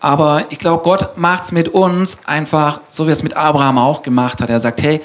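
A man's voice: a little high, fairly even intonation, normal speed. A man on a church panel speaking reflectively and conversationally, often restarting his sentences.

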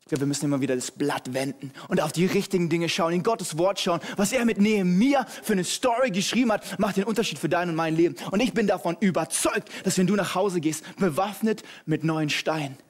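A male preacher giving an energetic, humorous sermon, addressing the audience directly. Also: high voice, fairly quick, hardly any pauses.

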